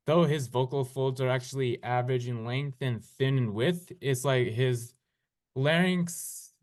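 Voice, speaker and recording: A man hosting an interview, chatting casually with plenty of uh fillers. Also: mid-range voice. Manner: relaxed, with frequent uh fillers. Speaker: host.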